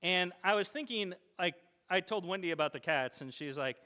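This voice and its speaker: A man delivers a conversational sermon, animated and storytelling, slipping into quoted voices. His voice sits high and sounds bright and forward. The sound carries the long echo of a church sanctuary. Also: moderate pace. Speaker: pastor. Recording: echoey church hall.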